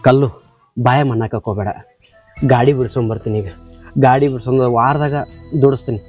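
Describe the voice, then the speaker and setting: A man's voice: mid-range voice, fast, close to an everyday voice. A man playing a defensive tractor driver with a North Karnataka accent. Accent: North Karnataka Kannada. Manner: defensive, pleading. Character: indebted young tractor driver, defensive lover. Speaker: tractor driver in a village drama. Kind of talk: short-film acting. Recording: slightly dull audio, faint music.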